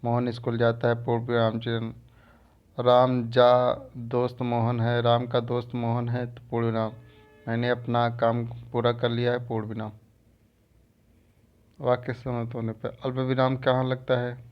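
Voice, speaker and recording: Male teacher for a screen-recorded grammar lesson, flat delivery, repeats each term, dull lo-fi sound. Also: mid-range voice, smooth. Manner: explains slowly, repeats terms. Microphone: phone or screen recorder mic.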